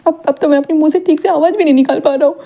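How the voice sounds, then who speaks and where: An excitable young man who stumbles over his words and is easily thrown, voiced by a woman storyteller. His voice sits high, with a soft, mellow tone. The delivery is quick and breathless, like a fan-fiction story read aloud. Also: creaky. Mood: flustered. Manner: stammering, excitable. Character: flustered young man, cheeky and easily rattled.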